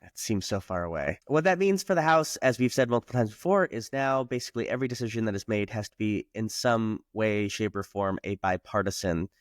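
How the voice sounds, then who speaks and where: A man's voice: lowish voice, animated, brisk, few pauses, no echo, clean studio sound. A man co-hosting a casual political podcast, chatty and full of "you know" fillers. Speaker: podcast co-host and state lawmaker.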